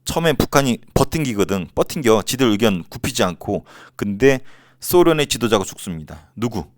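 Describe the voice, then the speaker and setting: A man teaching a high school history lesson in a casual, joking way, with teasing asides and short acted-out quotes. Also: very animated, moderate pace, no room sound, studio quality. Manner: playfully acts out short quotes. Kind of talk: lively casual lecture.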